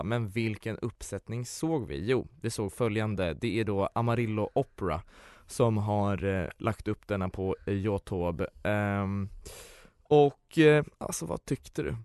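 A man's voice: fairly low pitch, darkish tone, clean tone, no echo, clean studio sound. A man co-hosting a casual chat, joking in a blunt and crude way. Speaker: podcast co-host.

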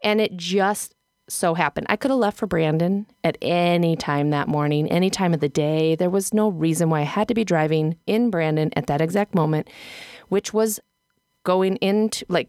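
A woman's voice: lowish voice, dry recording. A middle-aged woman from South Dakota chats on a podcast in a dry, close recording. She tells her stories with lots of energy, laughing often and stopping to restart her sentences. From South Dakota, United States. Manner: animated storytelling, laughs often, rambling restarts. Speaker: podcast co-host. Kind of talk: casual podcast chat.

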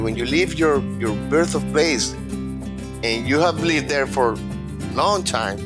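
A man with a Venezuelan Spanish accent and Spanish as his first language tells his own story in a reflective, halting way, often repeating words as he searches for them. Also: mid-range voice, fairly bright tone. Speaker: interviewee. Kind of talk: personal storytelling.

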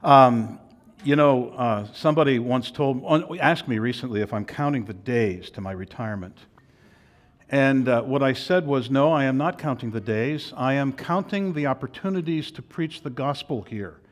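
An older man, a pastor, preaching a sermon in a folksy, halting way with many restarts. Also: medium pitch. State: out of breath.

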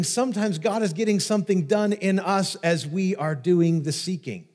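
A pastor preaching a sermon, telling stories with lively restarts and repetitions. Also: male voice, high voice. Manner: animated storytelling with repeated restarts. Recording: long reverb of a large hall.

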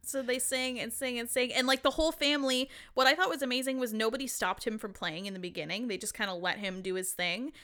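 A young woman co-hosting a podcast, chatting frankly and casually about a film, with quick asides and swearing. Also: on the high side, sharp tone. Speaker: podcast co-host. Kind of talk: casual chat recapping a film.

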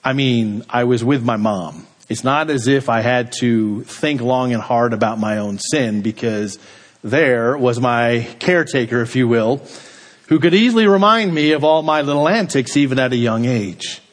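A man preaching a sermon, slow and deliberate, letting his voice drop low and quiet at the end of each phrase. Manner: slow, deliberate delivery with dramatic drops in pitch and volume at phrase ends. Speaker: pastor.

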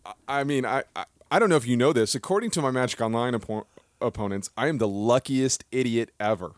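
A man co-hosting a podcast in casual chat, animated and quick to laugh at himself. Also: mid-range voice, no room sound, studio quality. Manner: animated, laughs often, self-deprecating. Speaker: podcast co-host.

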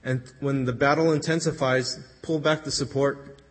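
A man's voice: mid-range voice, fairly even intonation, normal speed. A man preaching a sermon, retelling a story in an earnest, conversational way and quoting the people in it. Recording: long hall reverb.

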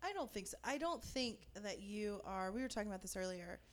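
A woman's voice: mid-range voice, animated, fairly quick. Direct, probing woman host. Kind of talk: casual chat.

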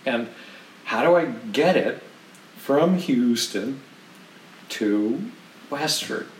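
A man's voice: mid-range voice, expressive, extremely slow, far from the mic, a little hiss or hum. A man telling stories in a casual, rambling way, with many restarts and laughs. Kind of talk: casual storytelling. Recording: roomy and from off-mic.

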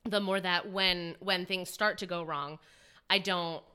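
Her voice sits on the low side, steady and measured, with a pushed, bright, clear and resonant quality. She's a twenty-something podcast guest rambling earnestly about acting in a casual interview, often saying "like" and starting over.

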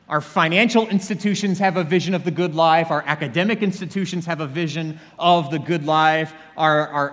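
Joking pastor preaching in an echoing hall. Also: male voice, on the high side, a bit bright. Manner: conversational, with dry humor. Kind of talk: sermon. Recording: long reverb of a large hall.

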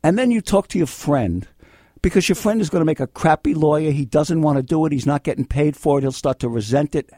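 A man's voice: on the high side, a little fast, dark tone, no room sound, clean studio sound. A middle-aged American man hosting live legal advice radio, talking bluntly and repeating himself in an exasperated, scolding way. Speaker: radio host and lawyer giving call-in legal advice. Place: radio studio.

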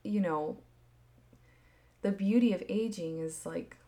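A woman in her thirties hosts a podcast, chatting casually and candidly about her opinions in a medium-pitched voice at a slow pace. She shifts between emphatic bursts and hushed asides, uses "like" and other fillers a lot, and swears.

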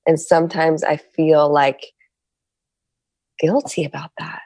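This is a reflective podcast interview with a middle-aged San Diego woman whose voice stays low and steady. She talks frankly and thoughtfully, often halting and restarting while reaching for words. The recording is close and dry, without room sound.

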